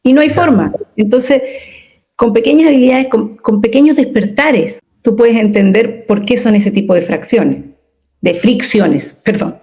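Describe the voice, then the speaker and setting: Woman, communication consultant, interview guest; expressive and emphatic, slightly high-pitched. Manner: expressive, emphatic, rhetorical questions. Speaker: communication consultant and workshop leader. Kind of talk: interview conversation.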